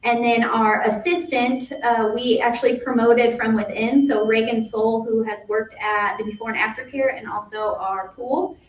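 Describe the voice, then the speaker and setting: A woman reports cheerfully on camps and youth programs at a public board meeting, dotting her talk with fillers. Her fairly high voice comes from a distance in an echoey meeting room with faint background noise. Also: fairly even intonation, moderate pace, few pauses. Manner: upbeat, filler-heavy report. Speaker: youth services staff presenter.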